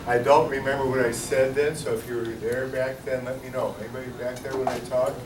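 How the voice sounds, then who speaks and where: A man's voice: mid-range voice, little pitch movement, fairly quick, very noisy. A man in his sixties, a priest, giving an informal talk at a luncheon, rambling with restarts and joking about himself. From United States. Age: 60s. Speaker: priest and monk speaking at a luncheon. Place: luncheon hall. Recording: roomy, distant, with loud room ambience.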